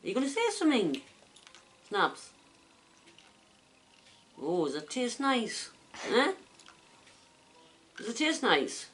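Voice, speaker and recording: A woman's voice: a little high, sing-song, slow pace, long pauses, fairly bright tone. Woman cooing baby talk to a pet. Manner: coaxing sing-song baby talk. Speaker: pet owner. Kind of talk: casual chat to a pet bird. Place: indoors at home.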